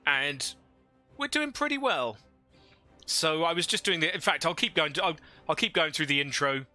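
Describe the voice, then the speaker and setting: Male streamer, headset mic livestream audio, bright forceful tone, fairly high voice, faint music under him, chatty and thinking aloud. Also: animated, normal speed. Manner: thinks aloud, chats with viewers. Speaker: livestreamer playing a strategy game. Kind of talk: casual live gameplay commentary.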